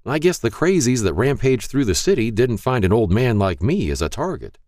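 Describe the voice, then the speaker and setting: A man voicing a frail, kindly old male shopkeeper who turns out to be a ghost, talking in a gentle, folksy way. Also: mid-range voice, big pitch swings, normal speed, no room sound, studio quality, voice pushed up, close to an everyday voice.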